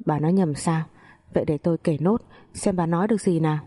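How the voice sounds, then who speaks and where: A woman's voice: sits low, quick pace. A woman voicing a stern older father-in-law, head of the house, who scolds his wife in an audio story. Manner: scolding, sharp rebukes.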